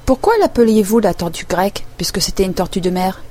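A woman's voice: medium pitch, a little fast, a little mellow, lightly acted. A woman reader voicing a polite, curious young girl in a storybook, earnest and questioning, close to her own voice.

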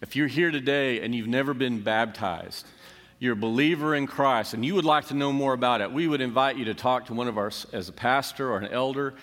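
A man preaching a sermon as a pastor. He often restarts and corrects himself, and slows right down on quoted words. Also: medium pitch, fairly bright tone, big-room sound.

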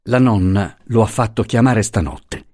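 A man reading a gentle pleading young husband. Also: fairly low pitch, unhurried, husky, no room sound, studio quality. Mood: tender. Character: tender, anxious young husband.

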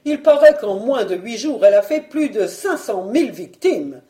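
A woman reading a storybook voices a timid, evasive baron, lowering her voice and speaking hesitantly. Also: sing-song, moderate pace, warm tone, echoey room. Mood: placating. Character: timid, evasive middle-aged baron collector.

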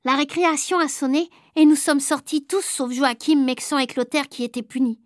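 A woman with a high voice narrates a children's book in a lively, childlike first-person way. She reads close to the mic, so the sound is dry with no room around it. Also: normal speed, no room sound. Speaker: audiobook reader. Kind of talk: storybook narration.

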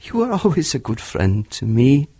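A man's voice: mid-range voice, sing-song, moderate pace, warm tone, breathy edge, no echo. A man voicing a frightened old miser who stammers and pleads. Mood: fearful. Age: older.

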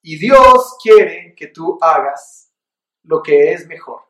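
A man preaching as a pastor, telling a personal story in an earnest, reflective way, then slowing into emphatic teaching. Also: fairly high pitch, lively intonation, a bit bright. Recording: echoey room, voice from a distance.

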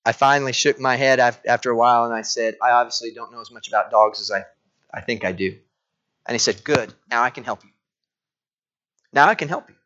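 A male pastor whose first language is English preaches in a medium-pitched, sharp voice at a slightly fast clip. His sermon is conversational, built around personal stories and rhetorical questions aimed at the congregation, and the audio is dull and lo-fi.

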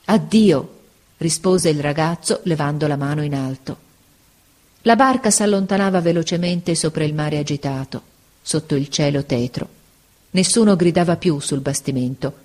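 A woman narrating a dramatic story aloud in an expressive, measured way. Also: lowish voice. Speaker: audiobook narrator.

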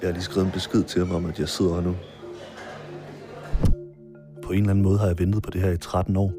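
Deep flat-voiced man narrating a documentary. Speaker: filmmaker narrator. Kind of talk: first-person documentary voice-over. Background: marimba music.

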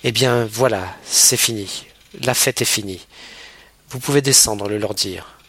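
A man's voice: on the low side, measured pace, bright, forceful tone, slightly rough, exaggerated voice. A man voicing a very young man who is distraught and near tears, speaking in a shaken, strained voice.

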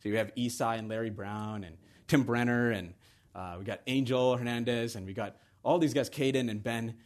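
A man preaching a sermon in a conversational way that builds to excited emphasis. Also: mid-range voice, moderate pace.

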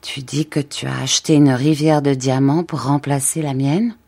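A woman's voice: very deep voice, steady tone, moderate pace, vocal fry, mellow, heavily acted. A woman reading aloud voices an elegant, well-off lady who sounds startled and full of pity. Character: elegant well-off woman, ever young, shocked.

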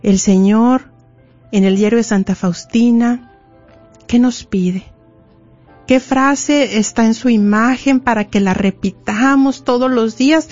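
A woman's voice: on the high side, takes it slowly, a little mellow. A woman preacher giving an emphatic sermon, speaking straight to the mothers in her audience. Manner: emphatic, addresses listeners directly. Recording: muffled lo-fi recording with faint music.

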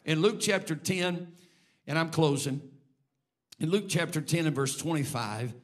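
A man's voice: fairly high pitch, unhurried. A man preaching a sermon from the pulpit. He tells a story in a conversational way, then turns to urging his listeners with growing fervour. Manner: storytelling, building to fervent preaching. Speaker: bishop preaching.

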